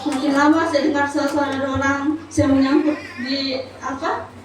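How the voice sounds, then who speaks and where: A woman giving a soft, hesitant personal testimony at a church service, pausing often as she tells her story. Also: high-pitched, level tone. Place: church hall. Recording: very echoey hall, voice from far off, noisy.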